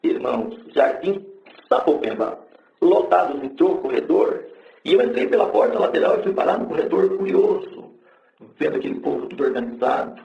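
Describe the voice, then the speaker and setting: A man's voice: sits high, animated, normal speed, gravelly. A middle-aged man gives a testimony sermon in a church, telling his story in a colloquial, plain-spoken way. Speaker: preacher giving his testimony. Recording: echoey, dull lo-fi recording.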